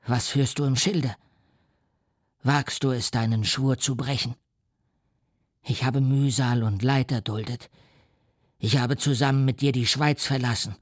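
A man's voice: mid-range voice, no echo, clean studio sound, close to an everyday voice. A male audiobook reader voicing a lonely, wronged creature who turns vengeful, speaking in a choked, menacing voice. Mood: reproachful. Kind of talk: audiobook reading.

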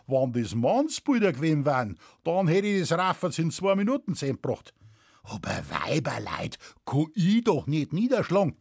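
A man's voice: on the high side, sing-song, normal speed, a little mellow, breathy edge, dry recording, clean studio sound, full character voice. A man doing a blunt Bavarian forest warden. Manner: blunt, earthy dialect, drawling complaints.

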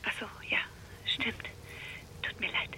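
A middle-aged actress playing an anxious mother who speaks hushed and hesitant on a phone call, in a radio drama. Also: on the high side, little pitch movement, moderate pace, a little hiss or hum. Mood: whispering.

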